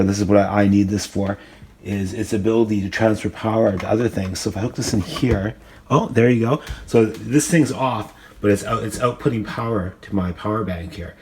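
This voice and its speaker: A man with a lowish, slightly mellow voice does an unscripted demo of a gadget as an amateur reviewer. He rambles tentatively and thinks aloud at a kitchen counter indoors, recorded on a phone camera held or propped nearby.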